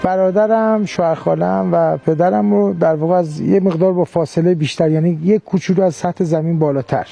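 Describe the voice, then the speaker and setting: A man recounting a near-death experience in an interview, hesitant and pausing often. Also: sits high, steady tone, vocal fry, warm tone, soft background music. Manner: hesitant, with frequent pauses. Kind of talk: recounting a personal story.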